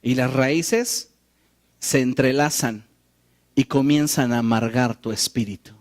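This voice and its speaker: A man preaching a sermon, animated and wry, acting out the quoted lines he tells. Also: medium pitch, slow. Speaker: pastor.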